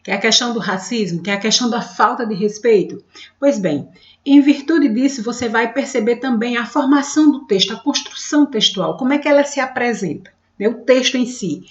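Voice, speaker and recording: A woman's voice: fairly high pitch, a little fast. Woman teaching, echoey lo-fi room. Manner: explanatory, pointing things out with frequent "né?" and "ó". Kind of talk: online literature lesson. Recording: echoey room, dull lo-fi sound.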